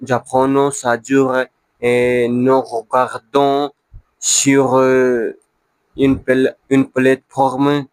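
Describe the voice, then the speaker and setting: A man speaks broken, beginner French with a non-native accent, at a very slow pace. He halts to hunt for words and often repeats them, as in a casual practice monologue. His medium-pitched voice is recorded dry, with little room sound. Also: a little mellow, dry recording, poor audio. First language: not French, a beginner learner of French. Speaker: language learner.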